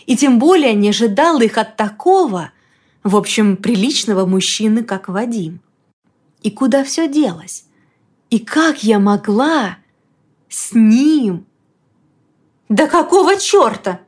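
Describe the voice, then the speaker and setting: A woman reading a first-person novel aloud in a lively, expressive storytelling manner. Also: a little high, measured pace, breathy edge. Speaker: audiobook reader. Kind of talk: first-person audiobook narration.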